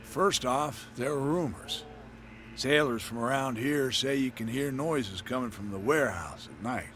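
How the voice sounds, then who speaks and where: An actor playing a wary, secretive island barkeeper in a video game. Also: male voice, mid-range voice, measured pace, a bit bright, a little hiss or hum, lightly acted. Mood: secretive, ominous. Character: guarded, world-weary male island barkeeper.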